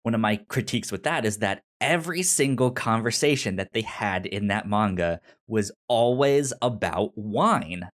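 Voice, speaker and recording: A podcast co-host with a fairly low voice and lively intonation chats casually about his opinions in an opinionated review discussion. He speaks at a moderate pace with hardly any pauses and has a stutter that repeats the opening sounds of words.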